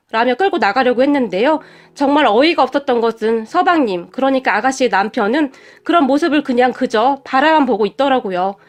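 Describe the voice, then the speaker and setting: Brief: high-pitched woman storyteller, dramatic, emotional scripted narration. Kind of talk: scripted first-person narration.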